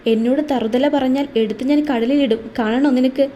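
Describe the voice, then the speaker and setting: A teasing young man from a storybook romance, played by a woman narrator. He needles and mocks in a playful way. The voice is high and soft-toned. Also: fairly even intonation, fairly quick, dull audio, slight background noise, lightly acted. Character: teasing young man, caring elder-brother type.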